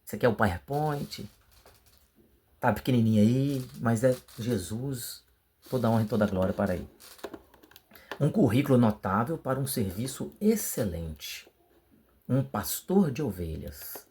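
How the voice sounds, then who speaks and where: A man's voice: medium pitch, lively intonation, unhurried, pauses often, breathy edge. A man, teaching a Sunday school lesson in a casual, emphatic way on an improvised computer mic. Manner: conversational, emphatic, swings between loud bursts and quiet asides. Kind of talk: casual lesson preparation talk. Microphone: improvised computer microphone.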